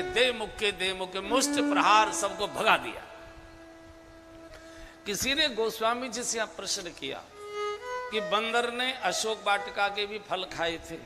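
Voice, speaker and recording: A man giving a devotional scripture discourse as a spiritual preacher, measured and emphatic, drawing out key phrases. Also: high voice. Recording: long hall reverb with instrumental music behind.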